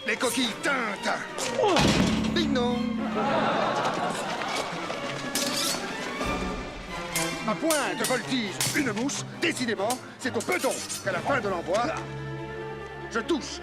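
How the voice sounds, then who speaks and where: Proud duelist-poet: high voice, flamboyant stage declamation, gleeful taunts, prominent music underneath. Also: male voice, expressive, normal speed. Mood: triumphant, taunting. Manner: declamatory, flamboyant, savoring each word. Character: proud, witty, swaggering swordsman-poet, gleefully taunting his rival. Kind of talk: theatrical French verse drama acting.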